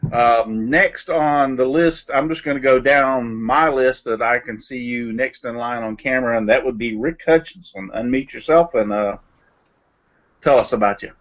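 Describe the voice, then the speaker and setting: A man's voice: mid-range voice, normal speed. A man co-hosting a live video call show, easygoing as he calls out guests in casual chat. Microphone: video call mic. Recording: muffled video call audio.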